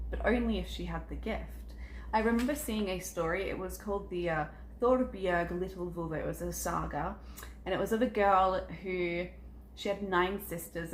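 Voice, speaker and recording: Roughly thirty and a psychic content creator, she presents herself in an earnest, talkative vlog, full of ums, with anecdotes about her family and spiritual life. Her pitch is fairly low, with slight hiss or hum, and the room gives an echoey sound with faint ambience behind.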